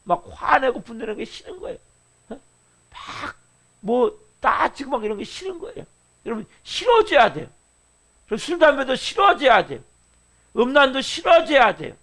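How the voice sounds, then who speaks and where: A man's voice: very high-pitched, a bit bright. A middle-aged man preaching a dawn service sermon, emphatic and full of rhetorical questions to the congregation. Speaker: pastor.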